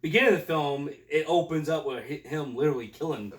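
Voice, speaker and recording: A man's voice: a little high, quick pace, echoey room, distant mic. A man casually chatting about a movie he loves, swearing freely and laughing as he recalls scenes. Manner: laughing, profane, quotes scenes in put-on voices. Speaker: podcast co-host.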